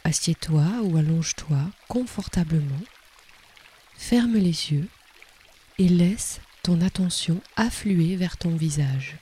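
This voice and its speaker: A man calmly guiding a relaxation exercise in a soft, breathy voice, leaving long pauses between short instructions. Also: fairly high pitch. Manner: calm, soothing, unhurried delivery with long pauses. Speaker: relaxation guide. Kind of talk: guided relaxation, scripted narration.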